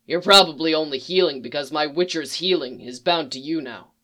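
A reader voicing a gruff, weary male monster hunter who speaks low, quiet and clipped in a read-aloud fan story. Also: brisk, lightly acted. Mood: resolute.

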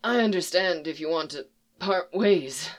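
A reader voicing a fragile young male bard who speaks softly and hushed, with a wobbling voice, in a read-aloud fan story. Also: medium pitch, a little slow, close to an everyday voice. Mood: despairing.

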